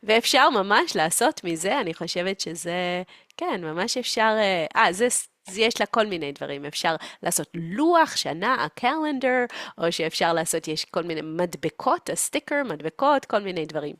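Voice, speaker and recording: A woman's voice: lowish voice, very animated, a bit bright, dry recording, studio quality. A woman hosting a language-learning podcast. She explains phrases patiently, adds English glosses, and often laughs. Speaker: Hebrew teacher and podcast host.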